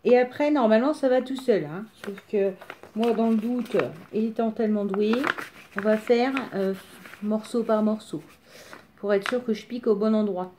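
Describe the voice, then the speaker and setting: Mellow, raspy woman with a smoker's voice. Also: medium pitch, moderate pace, slight background noise. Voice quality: smoker's rasp. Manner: self-deprecating, rambling, chatty. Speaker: craft tutorial presenter. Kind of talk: casual unscripted craft demonstration.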